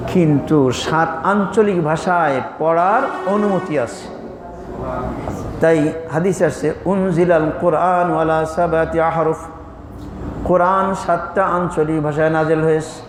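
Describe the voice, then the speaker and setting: A man preaching a sermon, animated and full of rhetorical questions, often mimicking regional speech. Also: on the high side. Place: mosque or religious lodge hall. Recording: echoey hall with faint noise.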